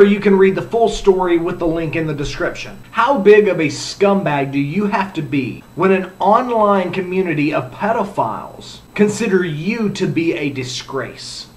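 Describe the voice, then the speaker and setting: A man hosting a comedic news roundup, reading odd stories with sarcastic, jokey asides. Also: sits high. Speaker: news show host. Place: lives in Orlando.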